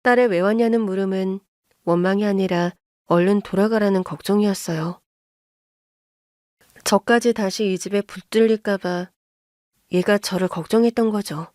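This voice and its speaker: A woman narrating a scripted first-person story in a slow, confessional way. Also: mid-range voice, darkish tone, no echo, studio quality.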